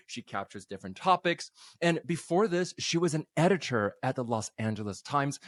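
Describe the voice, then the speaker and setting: A man from North America hosting a casual interview podcast, upbeat and quick to laugh. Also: medium pitch, dry recording, studio quality. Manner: animated, laughs often, upbeat. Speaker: podcast host.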